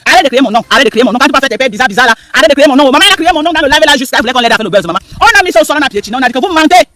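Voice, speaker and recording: A man's voice: extremely high pitch, lively intonation, very fast, pushed and bright, no echo. A man giving heated live-stream commentary, repeating himself and firing rhetorical questions at the audience. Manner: emphatic, repetitive, rhetorical questions to viewers.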